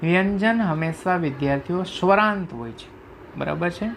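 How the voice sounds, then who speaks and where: Teacher checking "right?" often. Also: male voice, high voice, creaky, fairly bright tone, a little hiss or hum. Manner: repeatedly checks understanding with "right?"; spells out letters slowly one by one. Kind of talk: classroom lecture explaining Sanskrit phonetics.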